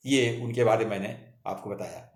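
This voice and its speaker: A man's voice: on the low side, fairly even intonation, brisk. Older man telling his life story. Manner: homely, addresses listeners as friends. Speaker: memoir storyteller. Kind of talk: autobiographical storytelling to viewers. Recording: roomy echo.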